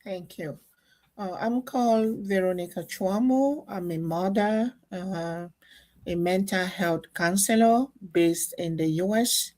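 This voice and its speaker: A woman's voice: mid-range voice, slow pace, warm tone. A woman who works as a mental health counselor, speaking hesitantly as a guest on a video call. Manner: hesitant, with fillers. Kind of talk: casual live-stream chat.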